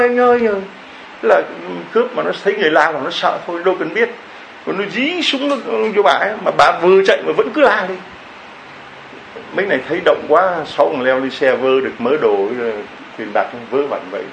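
A man's voice: a little high, sing-song, fast, creaky, a bit bright, slight background noise, low-quality recording. A man preaching a homily, telling a story and firing off rhetorical questions to the congregation.

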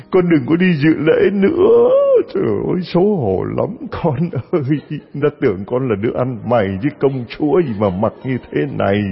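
Guy doing an old nurse lady sobbing and wailing, storybook, soft music behind. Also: mid-range voice, vocal fry. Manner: wailing, tearful lament. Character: old nurse woman, grieving, tender, lamenting. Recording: dull audio with long reverb.

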